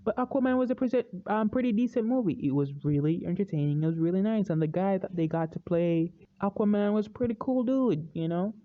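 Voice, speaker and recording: Speaking at a mid-range pitch and a fairly quick clip with hardly any pauses, a movie review vlogger rants casually and with strong opinions. He's animated, breaking into loud, excited outbursts and repeating words when fired up, all through phone-quality sound.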